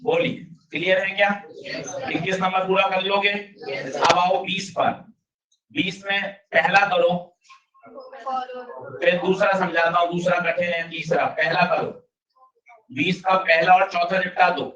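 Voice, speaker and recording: A male teacher giving a lively classroom physics lecture, drilling students with rapid questions and urging them on. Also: sits high, crowd noise. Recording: dull roomy classroom sound from a distance.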